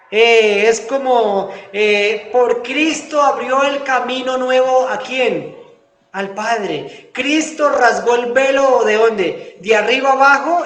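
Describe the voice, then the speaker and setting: A man preaching a sermon in Spanish, rising into emphatic bursts and then praying quietly and fervently. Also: extremely high pitch, echoey room. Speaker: pastor. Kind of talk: sermon and spoken prayer.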